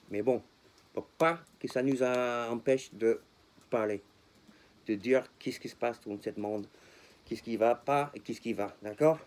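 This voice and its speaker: A man's voice: medium pitch, a little mellow. A man vlogging casually to his viewers in French with a non-native accent, speaking passionately, repeating himself and dropping English words in. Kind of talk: casual talk to camera.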